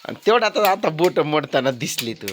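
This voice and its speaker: A man's voice: fairly high pitch, very animated, moderate pace, background noise. A man filming his family on a phone in a farmyard, scolding and teasing them in a blunt, casual way. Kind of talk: casual home vlog. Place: farmyard at home with animals. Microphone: phone camera.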